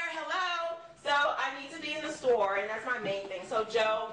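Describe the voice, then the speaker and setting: A woman from Liberia, a fashion designer, giving an emphatic, sassy pitch with playful rhetorical asides. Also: a bit bright. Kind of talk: lively self-promoting pitch. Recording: roomy, distant mic, faint background noise.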